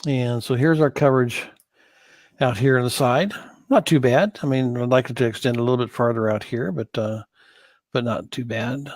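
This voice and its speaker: A course instructor in church sound gives an informal screen-share tutorial, thinking aloud in a halting, hesitant way and correcting himself as he goes. His voice is mid-range, with studio-quality sound and no echo.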